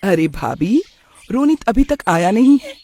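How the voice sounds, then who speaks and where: A doting middle-aged aunt in a cartoon story, as a man puts her on. She speaks in an affectionate, mildly complaining way with a high voice. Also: sing-song, a little slow, warm tone, heavily acted. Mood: fond. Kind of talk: cartoon voice acting.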